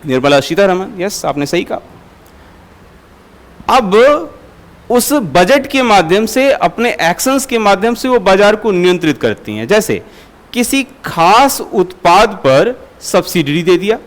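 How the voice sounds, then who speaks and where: A man's voice: sits high, sing-song, measured pace. A man teaching a lecture class, asking students questions and explaining with everyday examples. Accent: Hindi. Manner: asks students questions and answers them; uses homely everyday examples.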